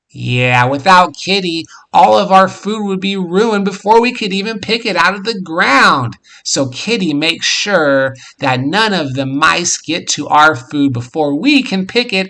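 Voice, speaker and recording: A man with a very bright, forward voice hosts a children's learning show. He speaks slowly and simply, as if reading to a toddler, with encouraging, animated emphasis on key words. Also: a little high. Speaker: host of a children's farm show. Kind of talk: educational talk for young children.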